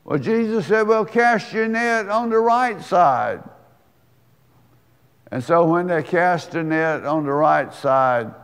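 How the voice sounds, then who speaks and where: Slow folksy preacher man in a reverberant hall. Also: a little high, clean tone. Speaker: pastor. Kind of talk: sermon.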